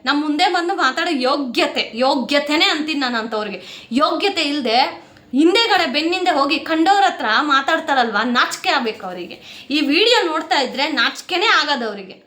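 A woman with a high voice vents to her viewers at home, indignant and wounded, close to tears. The home recording is roomy and echoing. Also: pushed and bright. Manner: aggrieved, indignant venting to viewers. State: near tears. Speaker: family vlogger. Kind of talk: emotional talk to camera.

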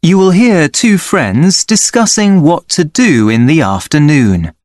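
A man's voice: on the high side, lively intonation, unhurried, darkish tone, dry recording, clean studio sound. A man reading scripted listening-test instructions as an exam narrator, in an instructional manner.

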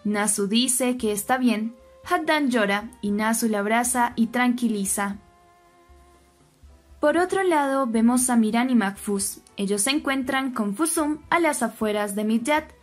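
A woman with a fairly high voice narrates a scripted soap opera recap over faint background music. She keeps an even storytelling pace and gives quoted dialogue only a slight lift. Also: measured pace.

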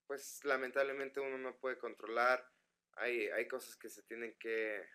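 Speaking through a computer microphone, a medium-pitched man with a pushed, bright voice and a northern Mexican accent talks casually with fans during a live webcam stream. He trips over his words while reading their messages out loud.

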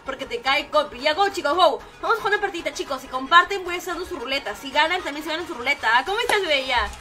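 A woman with a high, animated, sharp voice streams live at a fast clip, reacting to viewer videos with emotion and frequent swearing. She affectionately calls viewers "baby" and "king" while faint children's music plays in the background.

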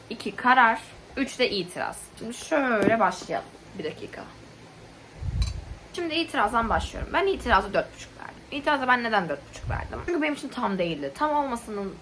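A young woman vlogging casually about her monthly reading, ranting with exasperation and interrupting herself with quick asides. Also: a little hiss or hum. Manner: animated, exasperated ranting with rising pitch. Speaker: book vlogger.

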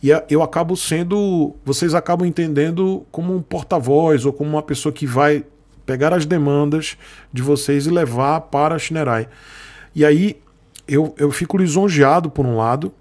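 A man's voice: a little high, a little mellow. A Brazilian man, a sponsored motorcycle creator, talking casually and at length to his viewers, repeating himself and circling back. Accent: Brazilian Portuguese. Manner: rambling, repeats himself, speaks to viewers as "gente".

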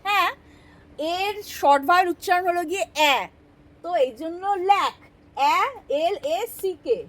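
A woman's voice: very high voice, moderate pace. A woman teaching English spelling rules step by step, patient and asking her students questions as she explains. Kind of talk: spoken English spelling lesson.

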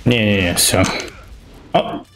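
A man's voice: fairly low pitch, takes it slowly. A young man giving casual gameplay commentary in short, slangy, muttered reactions. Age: young adult. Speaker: gamer commentating own play. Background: faint game music.

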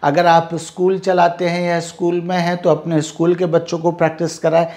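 A man with an Indian English accent teaching a spoken English lesson, mixing Hindi explanation with slow repeated drilling of phrases. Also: a little high, monotone, a little mellow.

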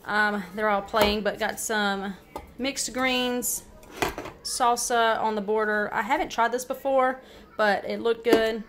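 Filming on a handheld phone in her kitchen at home, a thirties-aged vlogger narrates her groceries, chatty and full of ums and likes as she lists each item. She speaks slowly in a highish voice with fairly even intonation, over some background noise.

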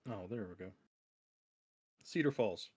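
A woman's voice: a bass voice, lively intonation, unhurried, a little mellow, husky. A woman co-hosting a live stream, chatting in a laid-back way and trailing off while she hunts for words. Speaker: streamer co-host. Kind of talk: casual stream chat.

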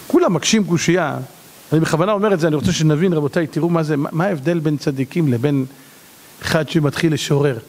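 A male rabbi telling a story in a sermon, animated and full of rhetorical questions. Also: on the high side, in a large hall.

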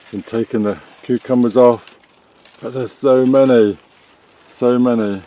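A middle-aged British man giving a casual, chatty tour of his allotment polytunnel while filming as he walks. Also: medium pitch. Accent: British English. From England. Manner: relaxed, chatty, unhurried. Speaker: allotment gardening vlogger. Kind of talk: casual garden tour narration. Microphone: handheld camera filming as he walks.

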